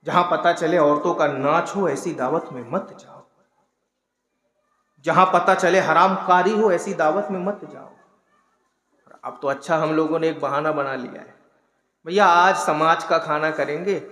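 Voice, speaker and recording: Male preacher, high voice, sermon, quiet talk then shouted exhortation, mocking asides, reverberant hall. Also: unhurried. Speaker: Islamic preacher. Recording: echoey hall with long reverb.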